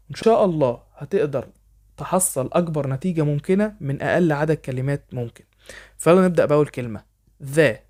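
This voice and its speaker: A man with an Egyptian Arabic accent teaching an online English lesson for beginners. He talks in an encouraging, motivational way, repeats phrases in lists, and says the English example sentences slowly and carefully. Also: fairly high pitch, darkish tone.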